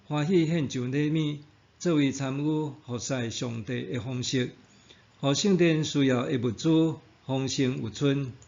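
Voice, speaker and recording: A man with a Taiwanese Hokkien accent narrates a scripted devotional in a middle-pitched, darkish voice. He speaks very slowly, formally and in a measured way. The recording is slightly dull and lo-fi.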